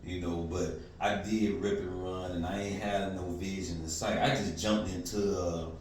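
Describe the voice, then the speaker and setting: Deep-voiced easygoing male host. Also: fairly even intonation, darkish tone. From Florida. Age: 40s. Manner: easygoing, slangy, drawn-out fillers. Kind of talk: casual interview. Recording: echoey room, distant mic, faint noise.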